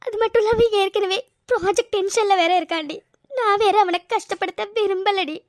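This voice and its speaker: A woman voicing a gentle, self-blaming young woman in a cartoon, crying and pleading in a very high, soft voice. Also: expressive, a little fast, no room sound, studio quality. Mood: tearful. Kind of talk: cartoon voice acting.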